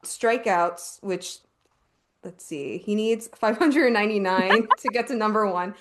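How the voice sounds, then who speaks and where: A woman hosting a casual sports podcast, reading out stats, stopping to correct herself and laughing along. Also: medium pitch. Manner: reads numbers haltingly, self-corrects, laughs often.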